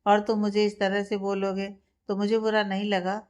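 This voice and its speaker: A woman voicing a proud young wife who answers back defiantly, in a smooth, clear voice. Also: mid-range voice, monotone, moderate pace, a little mellow, close to an everyday voice. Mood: sulky. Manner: defiant, indignant.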